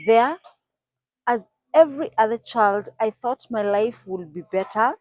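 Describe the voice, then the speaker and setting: Speaking to camera, this Kenyan woman in her forties shares her own life story with earnest reflection, sometimes starting sentences over. She talks a little slowly in a voice on the high side. There's no reverb in the recording.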